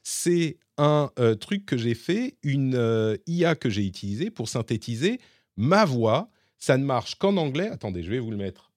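A man's voice: mid-range voice, big pitch swings, measured pace, a little mellow, dry recording, clean studio sound. A man with a slightly hybrid French accent co-hosting a casual tech podcast, explaining with many fillers and restarts. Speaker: podcast co-host.

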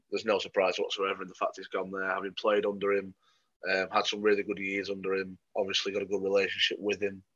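A man's voice: lowish voice, a bit bright. A man co-hosting a football podcast, giving matter-of-fact opinions in a dry way with plenty of ums. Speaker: podcast co-host. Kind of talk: casual football podcast chat. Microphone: podcast microphone. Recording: muffled lo-fi sound.

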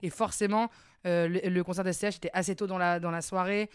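A woman's voice: lowish voice, fairly even intonation, fast, clean tone, dry recording, clean studio sound. A woman co-hosting a podcast, chatting casually and finishing her partner's sentences. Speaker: podcast co-host. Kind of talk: casual chat.

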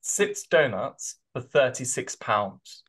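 A man co-hosting a podcast, chatting casually with playful, animated storytelling. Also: mid-range voice, slow pace, breathy edge. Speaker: podcast co-host. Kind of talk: casual chat.

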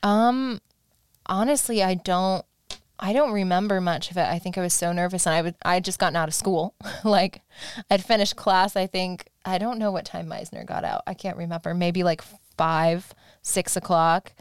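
Very clear-voiced young woman chatting casually. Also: lowish voice, fairly even intonation, normal speed, no echo. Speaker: interview guest. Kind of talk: casual personal chat.

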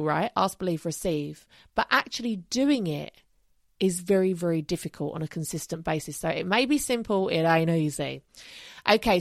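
A woman's voice: on the low side, no room sound. Upbeat woman giving chatty advice, dry recording. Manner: chatty, emphatic, playfully sweary. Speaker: host of a self-help show on manifesting. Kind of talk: casual solo advice talk.

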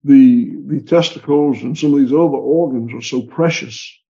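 A Southern US livestock farmer from the American South speaks in a conversational interview, rambling and folksy, often restarting his sentences. His mid-range voice is creaky and mellow, moving at a moderate pace on a lo-fi recording.

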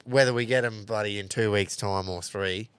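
A man's voice: fairly low pitch, fairly even intonation, moderate pace, fairly bright tone, clean tone, no echo. A man with an Australian accent hosting a casual sports podcast in a blokey, sweary way. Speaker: podcast host. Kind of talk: casual sports chat with sponsor reads.

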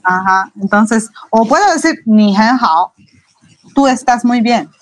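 A woman's voice: a little high, no echo, rough recording. Patient woman teaching Mandarin basics. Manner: patient, explains slowly with repeated examples. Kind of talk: live online language lesson.

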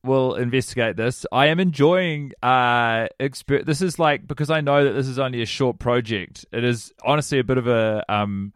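A man's voice: mid-range voice, normal speed, hardly any pauses, clear, resonant tone, no room sound, studio quality. A man co-hosting a podcast in casual chat, rambling and hesitant with wry teasing. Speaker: podcast co-host.

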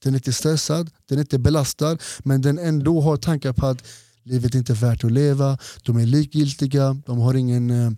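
A man's voice: mid-range voice, steady tone, mellow, no room sound, clean studio sound. A man who is a doctor, explaining health topics in a casual podcast conversation and laying out his points one by one. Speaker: doctor guest.

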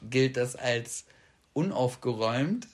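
A man's voice: mid-range voice, expressive, takes it slowly. A man in his early forties co-hosting a podcast, chatting with his partner and joking at his own expense. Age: 40s. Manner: joking, self-mocking. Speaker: podcast co-host. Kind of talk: casual couple chat.

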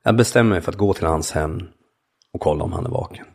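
A male narrator reads his own memoir in the first person. His voice is very low and gravelly, and he tells the story calmly and measuredly in short sentences.

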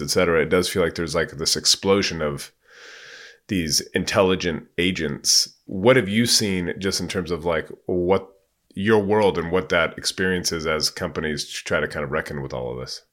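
A podcast host with a deep yet fairly bright voice asks casual, rambling interview questions packed with fillers in a conversational style.

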